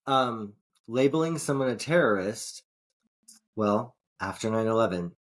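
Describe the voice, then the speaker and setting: This podcast co-host has a lowish, expressive voice and talks a little slowly. In casual chat he rambles, swears, and keeps restarting his sentences.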